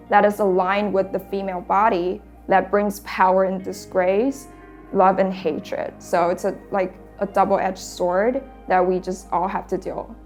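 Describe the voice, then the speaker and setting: A young woman from Taiwan, a painter talking thoughtfully about her work in a documentary interview, often pausing to search for words. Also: mid-range voice.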